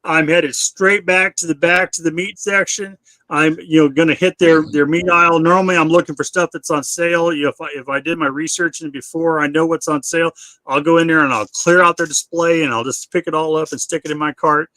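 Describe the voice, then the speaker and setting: A man's voice: on the high side, steady tone, a little fast, pushed and bright, no room sound. A middle-aged man hosting a live Q&A, chatting casually and often repeating or restarting his words. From United States. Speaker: live stream host.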